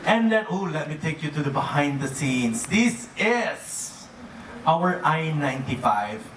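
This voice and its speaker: Upbeat cruise director, higher-pitched man, echoey room. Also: sing-song, measured pace, fairly bright tone. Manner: chuckles often at own jokes. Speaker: cruise director presenting to guests. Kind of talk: comedic live presentation to an audience. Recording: echoey noisy room, distant mic.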